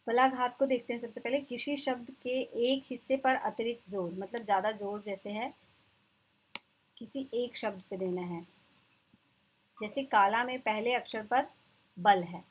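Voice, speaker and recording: Woman, teacher, husky voice, fairly high pitch, explanatory exam-prep lecture. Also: fairly even intonation, poor audio. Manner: explanatory, repeats terms slowly for students.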